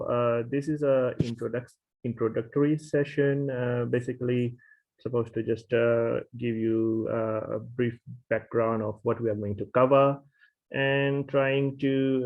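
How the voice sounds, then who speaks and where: A man's voice: medium pitch, darkish tone. A middle-aged man from Fiji, a university lecturer, opening an online programming class with many fillers and restarts. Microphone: video call. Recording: dull lo-fi video call audio.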